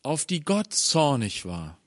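A man preaching a sermon in an earnest way, stressing key lines slowly. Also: a little high, dry recording, studio quality. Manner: earnest, lively preaching with emphatic slow lines.

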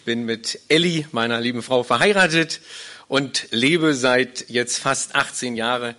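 A man in his forties from Berlin, Germany, a guest pastor leading a small church plant, gives personal testimony to a congregation in a live interview. He speaks earnestly and explanatorily, his medium-pitched voice a little slow and sharp in tone.

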